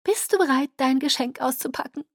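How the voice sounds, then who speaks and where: Woman doing a chirpy young woman, eager, bright and loud, audiobook. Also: high-pitched, fairly quick, no room sound, clean studio sound, pitched above the performer's own voice, natural voice. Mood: excited. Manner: chirpy, sing-song and excited.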